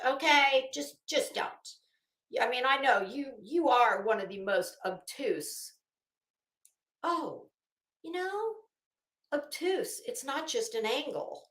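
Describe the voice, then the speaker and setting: A middle-aged woman, acting as host, gives a mocking and dramatic monologue that rambles with sarcasm and theatrical flair. Her voice is a little high, pushed and bright. The recording has an echoey room sound.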